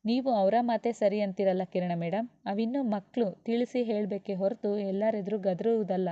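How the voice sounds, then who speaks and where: A woman's voice: medium pitch, fairly even intonation, normal speed, mellow, no room sound, highs cut off, lightly acted. Woman voicing a stern male lecturer. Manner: reproachful.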